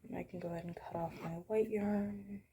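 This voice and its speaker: A young woman talking casually and softly while showing her crochet work at home, sometimes dropping to a hush. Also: mid-range voice, steady tone, brisk, background noise. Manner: soft-spoken, sometimes hushed. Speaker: crochet vlogger. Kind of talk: casual crochet tutorial chat.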